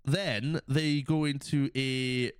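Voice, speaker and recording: A man's voice: mid-range voice, takes it slowly, clean tone, dry recording. A man hosting a podcast, retelling a film scene by scene in casual chat while sniffling from a cold. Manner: animated storytelling, acts out quotes, laughs often. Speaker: podcast host. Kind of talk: casual movie recap chat.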